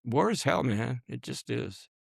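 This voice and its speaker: A man in his seventies, a guest in an interview, recounting personal stories in a halting way that sinks to a near-murmur at grim moments. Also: mid-range voice, lively intonation, gravelly, slightly rough, dry recording, clean studio sound. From United States. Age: 70s. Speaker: guest, combat veteran.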